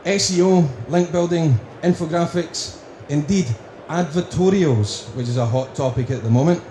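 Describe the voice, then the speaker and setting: A man with a broad Scottish accent giving a prepared conference talk, speaking deliberately in emphatic lists. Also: a little high, warm tone. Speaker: conference speaker, company director. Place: indoor conference room. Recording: roomy, echoing venue with faint noise.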